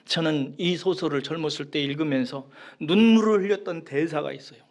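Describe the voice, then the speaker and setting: A male pastor preaching a sermon, dropping to hushed whispers and rising to emphatic, raised lines. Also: a little high, a little fast.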